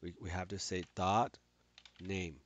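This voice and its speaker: Deep-voiced man giving a halting tutorial. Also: flat delivery, fairly bright tone, dull audio. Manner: halting, frequent restarts and fillers. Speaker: instructor. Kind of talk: screen-recorded software tutorial.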